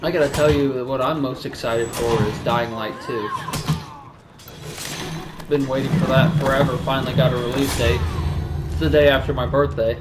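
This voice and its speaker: Guy hosting gaming vid, just chatting over gameplay, normal pitch, music behind him. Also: steady tone, moderate pace, pauses often, poor audio. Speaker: gaming video host. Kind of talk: casual chat over gameplay.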